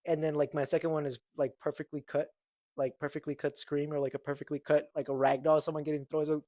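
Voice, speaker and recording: A young man chatting on a podcast in a rambling way, with a slightly high voice. The sound is dry and close, with no room around it. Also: flat delivery, quick pace, mellow, dry recording. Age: young adult. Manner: rambling, full of fillers and restarts. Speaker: podcast co-host. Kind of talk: casual chat.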